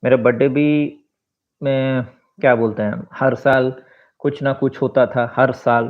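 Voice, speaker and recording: A man's voice: medium pitch, little pitch movement. Man in his forties on a tinny line. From India. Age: 40s. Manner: rambling, switches into English phrases, fills pauses with asides. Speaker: vlogger and author. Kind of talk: reflective personal monologue. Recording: tinny phone-like sound.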